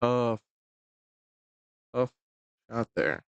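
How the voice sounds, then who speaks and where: A man's voice: medium pitch, extremely slow, gravelly, clean tone, no room sound, lo-fi sound. Easygoing man doing pool commentary. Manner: relaxed and joking, with fillers. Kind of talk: casual live commentary.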